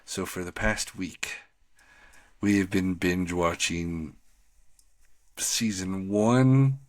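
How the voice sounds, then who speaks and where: A man's voice: deep voice, drawn-out words, no echo. A man co-hosting a podcast, talking casually about TV shows in a rambling, slangy, conversational way. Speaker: podcast co-host.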